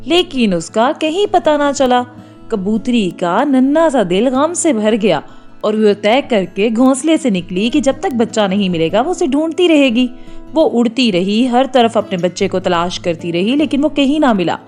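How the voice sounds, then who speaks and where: A woman narrating a children's moral story in an expressive, measured way. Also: on the high side.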